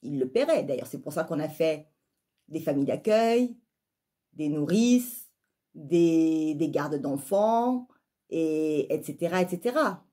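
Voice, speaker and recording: This woman, a life coach and spiritual vlogger with a southern French accent, takes it slowly in a low-pitched, mellow, animated voice. Her emphatic, opinionated monologue to viewers is built on rhetorical questions and repetition.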